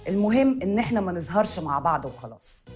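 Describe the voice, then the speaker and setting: A woman's voice: mid-range voice, big pitch swings, quick pace, a little mellow, faint music behind, lightly acted. An actress with an Egyptian accent playing a defiant, bossy young woman who answers bluntly.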